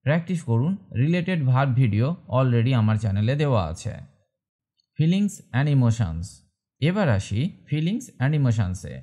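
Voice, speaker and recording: A man teaching English, reading short phrases slowly and repeating each one twice. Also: mid-range voice, big pitch swings, warm tone. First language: Bengali. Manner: slow, deliberate drilling of short phrases.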